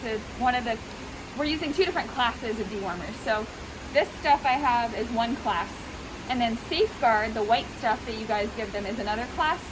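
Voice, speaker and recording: A woman explaining animal treatment casually and informally, her voice slightly muffled by a face mask. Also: fairly high pitch. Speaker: veterinary professional treating goats. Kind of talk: casual explanatory talk to camera. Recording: noisy, steady rushing background hiss.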